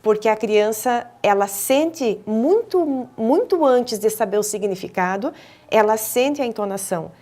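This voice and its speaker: On a TV studio talk show, a Brazilian Portuguese-accented woman, a speech therapist and professor, answers interview questions as a guest expert. Her voice is slightly high and warm, with lively intonation and a measured pace, and her teacherly explanations are full of hesitant fillers and restarts.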